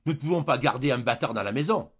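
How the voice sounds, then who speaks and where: A man voicing an angry, impatient young husband who shouts sharp retorts in a storybook reading. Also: on the low side, lively intonation, fast, husky, dull audio. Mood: furious.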